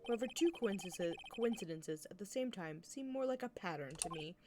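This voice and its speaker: A woman's voice: mid-range voice, lively intonation, brisk, background noise, lightly acted. A woman playing an insistent defense lawyer.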